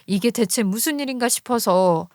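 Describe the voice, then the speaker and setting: A woman's voice: on the high side, expressive, moderate pace, darkish tone, dry recording. Woman, story narrator, emotional first-person telling, dry close sound.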